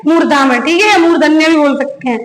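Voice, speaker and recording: A woman teacher with a very high voice walks through a lesson slowly, repeating each point. She keeps asking her listeners questions and answering them herself. The room around her is echoey. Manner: slow, repetitive, quizzing listeners with questions. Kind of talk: classroom lecture.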